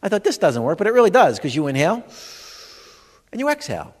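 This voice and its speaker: Animated high-pitched comedian in a hall. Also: male voice, quick pace, husky. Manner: animated storyteller, acts out dialogue, addresses audience. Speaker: comedian and humor educator. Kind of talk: stand-up comedy talk. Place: large expo hall before a live audience. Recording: long hall reverb.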